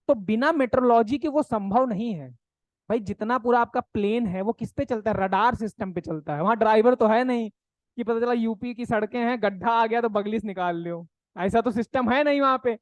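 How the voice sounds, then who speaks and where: Higher-voiced woman teacher, constant check-ins. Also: no echo. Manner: asks rhetorical questions and ends phrases with "है ना?" and "ठीक है?"; plain conversational teaching, mixing English terms into Hindi. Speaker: agriculture exam coaching teacher. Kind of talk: classroom lecture.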